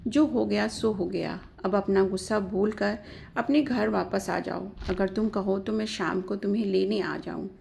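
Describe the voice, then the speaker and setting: A woman's voice: medium pitch, fairly even intonation, a little slow, vocal fry, darkish tone, slight background noise. A woman voicing a young husband who is hurt and irritated, pleading and curt by turns. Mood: earnest.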